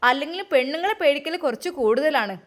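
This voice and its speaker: A woman voicing a stern, domineering older mother-in-law in an amateur story drama. She speaks in a Malappuram Malayalam accent with a loud, nagging, taunting manner. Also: high-pitched, expressive, fast. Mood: scolding.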